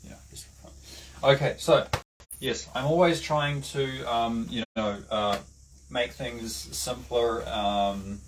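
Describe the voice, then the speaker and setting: A man's voice: mid-range voice, fairly even intonation. A man with a New Zealand accent giving a rambling, casual lesson, full of fillers and restarts. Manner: halting, many fillers and restarts. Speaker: online lecturer. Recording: distant mic with faint background noise.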